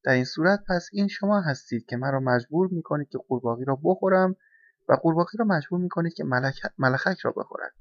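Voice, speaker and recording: A man's voice: on the high side, no echo. A man voicing an anxious, thoughtful young stork in a storybook reading, speaking politely and with puzzlement. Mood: puzzled. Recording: dull, dry lo-fi recording.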